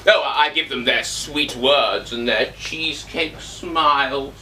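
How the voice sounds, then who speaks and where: Here is a vain, flamboyant cake maker with a bright, forceful voice, heard from a distance on a theatre stage. Faint ambient noise sits underneath. He sounds grand and self-admiring, and talks as if every detail is beneath him. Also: medium pitch, a little slow. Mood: grandiose. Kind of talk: live stage comedy. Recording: far-off stage mic, faint room noise.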